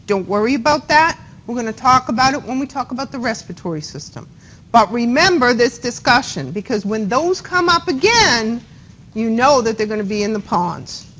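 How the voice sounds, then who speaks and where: High-voiced Boston woman lecturing a class. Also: fairly bright tone, husky, rough recording. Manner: chatty, checks in with students by asking questions. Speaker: anatomy instructor.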